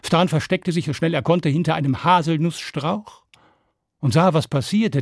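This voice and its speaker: A man telling a fairy tale to children, calm and deliberate, sometimes speaking to the listeners directly. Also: a little high, vocal fry, no echo, studio quality. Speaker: storyteller.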